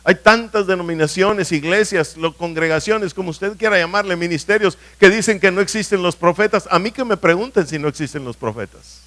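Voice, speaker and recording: A man's voice: sits high, brisk, fairly bright tone. A man preaching a sermon as pastor, telling testimonies and often asking the congregation whether they understand. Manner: emphatic, asks the congregation questions often. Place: church hall.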